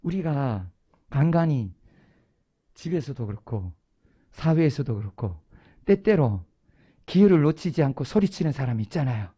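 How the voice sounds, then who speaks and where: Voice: medium pitch, big pitch swings, normal speed, pauses often, mellow, husky. A preacher giving a Sunday sermon in a church, telling a story and putting questions to the congregation before answering them. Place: church sanctuary.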